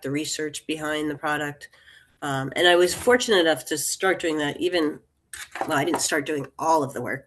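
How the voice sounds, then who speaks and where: A woman's voice: deep voice, a bit bright. Thoughtful woman in her sixties. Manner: thoughtful, meandering with restarts and small laughs. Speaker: interview guest. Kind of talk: casual interview talk.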